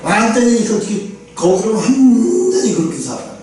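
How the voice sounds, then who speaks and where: A man's voice: high-pitched, wildly swooping pitch, normal speed, music in the background. A male pastor preaching a sermon in a church, talking conversationally and asking his listeners rhetorical questions. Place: church sanctuary. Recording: echoey church hall from far off, faint noise.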